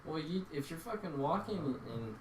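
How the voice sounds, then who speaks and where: A man's voice: on the high side, expressive, normal speed, darkish tone, far from the mic. A young man in casual podcast chat, adding brief offhand remarks. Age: young adult. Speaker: podcast co-host. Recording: roomy echo from off-mic, faint hiss.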